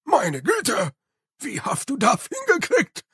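A man doing Igor, a shrill eager servant. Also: wildly swooping pitch, takes it slowly, sharp tone, slightly rough, no echo, studio quality, full character voice. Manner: high, strained, emphatic.

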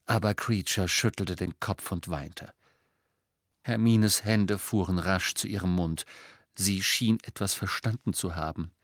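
Low-voiced male audiobook narrator. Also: dry recording, clean studio sound. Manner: measured, expressive storytelling.

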